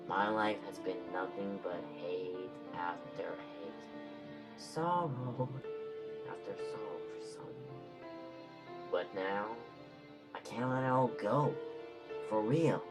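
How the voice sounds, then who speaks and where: A man playing a defiant, mocking psychopathic killer in a horror audio drama, with a drawn-out delivery. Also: fairly low pitch. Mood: weary, bitter. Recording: voice under loud music.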